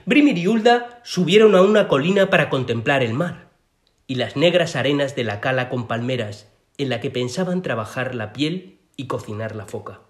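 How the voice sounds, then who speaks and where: A man reading a children's story aloud as narrator, in an expressive way. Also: on the high side. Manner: expressive, sing-song reading.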